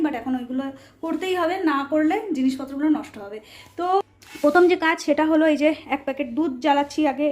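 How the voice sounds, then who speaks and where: A woman in her thirties, hoarse from a cold, chatting casually to viewers as a family vlogger at home. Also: high-pitched, a little mellow. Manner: chatty, talks to viewers as friends. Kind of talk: casual chat to camera.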